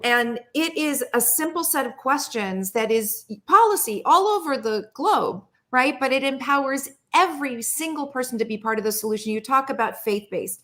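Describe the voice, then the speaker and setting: A woman's voice: high-pitched, lively intonation, normal speed, few pauses, pushed and bright. A woman speaking as a guest expert on a talk show, earnest and telling a story, often repeating words as she restarts. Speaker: guest psychologist.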